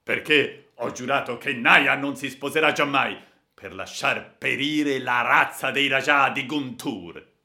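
A ferocious bandit full of cold hatred, as a male narrator puts him on, slow and deliberate with a gravelly rasp. He gloats over his captive in a loud, menacing voice, sharp and bright in tone. A storybook villain through and through. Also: medium pitch, pitched above the performer's own voice, heavily acted. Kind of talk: audiobook character voice.

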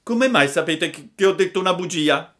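A man voicing an excitable wooden puppet boy with a high, breathless, pleading voice. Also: normal speed. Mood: eager.

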